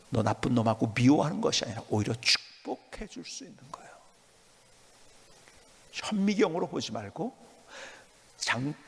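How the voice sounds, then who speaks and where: A male pastor preaching a sermon, emphatic and animated, at times dropping to a soft whisper. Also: a little high, creaky, husky, big-room sound.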